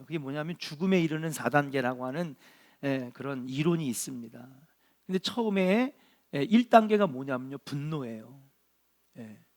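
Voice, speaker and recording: A middle-aged male pastor delivering a sermon in an earnest, unhurried way. His voice sits a little on the higher side for a man. He leans on rhetorical questions and short affirming interjections.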